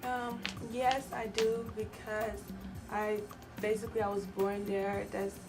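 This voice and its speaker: A woman's voice: mid-range voice, flat delivery, music in the background. Earnest woman heard from a distance. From Ivory Coast. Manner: halting, earnest. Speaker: guest, pre-K assistant teacher. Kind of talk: casual talk show conversation. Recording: voice picked up from a distance.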